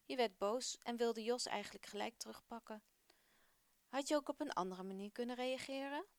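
A patient father from a children's radio story, asking his son gentle, encouraging questions, read out by a woman storyteller. The voice sits fairly high and sounds close and dry. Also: moderate pace, clear, resonant tone, no room sound, natural voice.

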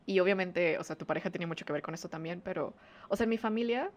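A woman's voice: lowish voice, fast. A woman, co-hosting a podcast in casual chat, talking with many fillers and frequent laughs. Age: 20s. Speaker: podcast co-host.

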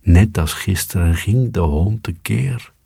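Slow, deep-voiced male storyteller. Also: vocal fry, husky, no room sound, clean studio sound. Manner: calm, measured, storytelling. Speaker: narrator. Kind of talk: storybook reading.

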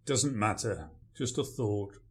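A man's voice: fairly low pitch, slow. A man playing a grumpy male writer, dry, sarcastic and dismissive in a radio play. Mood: sardonic.

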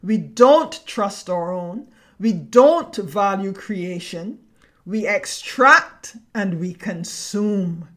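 A middle-aged woman from Barbados with a Barbadian accent, reading a reflective scripted narration in measured, poetic phrasing as a podcast host. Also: mid-range voice, lively intonation, a bit bright.

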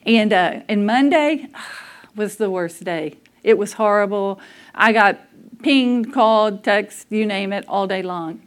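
At a church service, a woman preaches a conversational sermon in a slow, medium-pitched voice. She shares personal stories candidly and laughs at herself.

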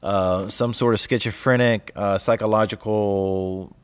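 A young man with a Southern US accent, co-hosting a casual faith podcast, reading scripture and talking with animated, laughing energy and frequent restarts. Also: fairly low pitch, measured pace, clean tone. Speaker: podcast co-host, church leader.

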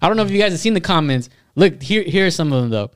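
A man's voice: a little high, animated, fast talker. A man co-hosting a podcast, telling stories and bantering casually in crude, slangy language with heavy swearing. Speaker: podcast co-host.

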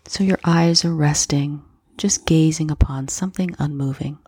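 A woman guiding a slow breath-counting meditation in a soft, gentle, breathy voice with unhurried pauses. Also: deep voice, no room sound. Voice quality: soft, breathy, husky, often near whisper. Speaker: meditation guide.

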